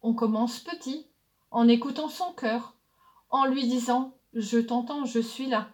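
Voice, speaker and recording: A kind little creature from another planet, a soft-hearted storybook friend, as a woman reads him aloud. He speaks gently and reassuringly, in a high, slow, unhurried voice. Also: lightly acted. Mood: tender.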